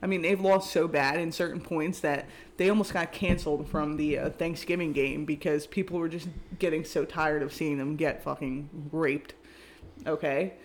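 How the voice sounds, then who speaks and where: A man's voice: a little high, fairly even intonation, moderate pace, slight background noise. A man co-hosting a casual podcast, rambling and joking, swearing freely. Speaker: podcast co-host. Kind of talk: casual chat.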